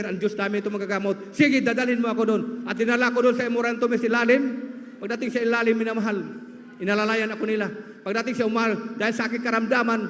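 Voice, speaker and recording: A church member with a strikingly high voice shares his testimony with the congregation like a storyteller, repeatedly calling his listeners beloved. A long reverb from the large hall rings around his words.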